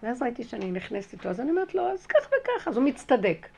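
A woman teaching a spiritual lesson through a personal story, her fairly high voice carrying a gravelly edge. She tells it animatedly, acting out her own past conversations and hammering home key phrases by repeating them. A faint hiss runs beneath her. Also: big pitch swings, mellow.

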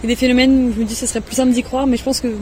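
A woman's voice: high voice, level tone, very fast, mellow, poor audio. A woman chatting casually as a street interviewee outdoors. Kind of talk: casual chat. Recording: outdoor street noise, traffic.

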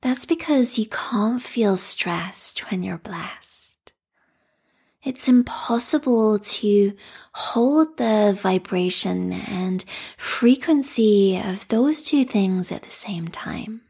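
A woman leading a guided meditation in a calm, soothing, meditative tone, with a soft, breathy, whispery voice. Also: medium pitch, slow.

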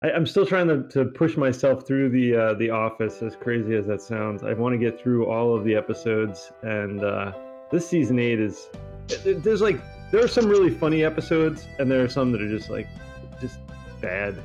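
A man's voice: medium pitch, animated, normal speed, a little mellow. A man co-hosting a casual podcast, laid-back and a little teasing. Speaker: podcast co-host. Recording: dull lo-fi, faint music behind.

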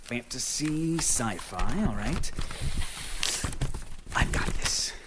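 A man's voice: medium pitch, lively intonation, slow pace, very noisy. A man playing a vain, self-important stage actor in a comedy sketch. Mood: grandiose.

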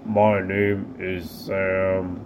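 A man voicing a male house cat who wants to party, through a robot voice filter, low and flat. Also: extremely slow, background noise. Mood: deadpan.

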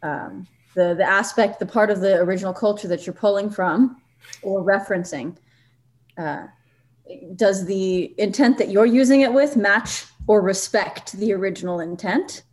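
A woman with a mid-range voice speaks in a casual panel discussion. She is thoughtful and measured, working through her reasoning one step at a time. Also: medium pitch.

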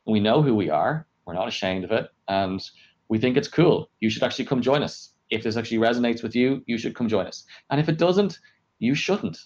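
In a muffled recording, a man with a medium-pitched, slightly mellow voice speaks briskly and expressively. As an engineering leader answering interview questions about his work, he explains with emphasis, leaning heavily on "like" and self-directed rhetorical questions.

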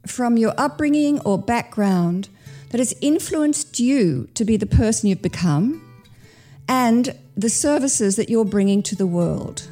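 A woman hosting a podcast, introducing her guest in an upbeat, expressive way. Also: fairly high pitch, unhurried, faint music behind. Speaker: podcast host. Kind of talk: podcast interview.

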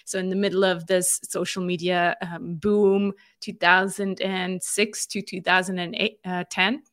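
Her voice is lowish, a bit bright, a little slow and flat in delivery, recorded in a clean studio with no room sound. She is a woman from Switzerland in her forties, a marketing consultant interviewed about her story, speaking thoughtfully with frequent fillers and restarts.

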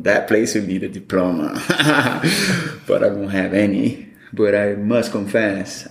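A man's voice: on the low side, gravelly, reverberant. A man with a Brazilian Portuguese accent, telling stories as an interview guest and acting out quoted dialogue. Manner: animated storyteller, acts out quoted dialogue. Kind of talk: storytelling interview.

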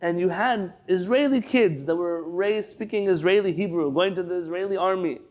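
A rabbi from San Diego, California leads a conversational Torah class over a video call, chatty and prone to digressions as he reads sources aloud and then explains them. His voice is high-pitched with a darkish tone and a moderate pace.

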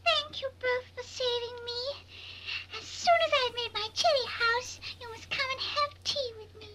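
A woman's voice: very high voice, fairly even intonation, unhurried, very noisy. A woman voicing a hapless, sweet little rag doll in a children's puppet show, plaintive and genteel. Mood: grateful.

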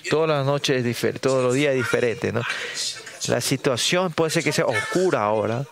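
A middle-aged male pastor preaches with a mid-range voice, stopping often to ask "right?" and restarting his phrases. He jumps up in pitch whenever he acts out someone praying. The congregation is clearly audible around him. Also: a crowd in the background. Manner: frequent tag questions, halting restarts and fillers; acts out prayers in a raised voice. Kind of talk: sermon.

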